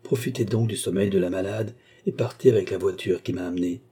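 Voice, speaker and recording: A man reading a calm, authoritative older doctor. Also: low-pitched, fairly quick, slightly rough. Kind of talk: audiobook character reading.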